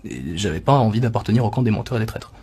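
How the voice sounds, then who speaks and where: A young man tells his story quickly and emphatically, pressing each point with conviction. His voice has a slightly husky edge. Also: on the low side, lively intonation, dark tone. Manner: fast, assertive, emphatic. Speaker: interviewee. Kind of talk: personal testimony.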